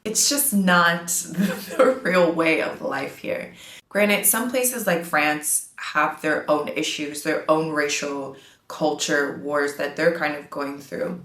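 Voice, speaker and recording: A woman's voice: deep voice, slow pace, a bit bright, reverberant. A woman in her thirties talking casually to camera as a vlogger, earnest and encouraging, leaning hard on key words. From United States.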